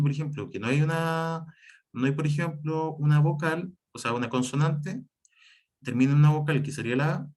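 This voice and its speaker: Man, Chilean Spanish accent, teacher, spelling lesson over slides, mid-pitched voice, halting explanations with fillers. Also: darkish tone. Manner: explanatory, with fillers and self-corrections.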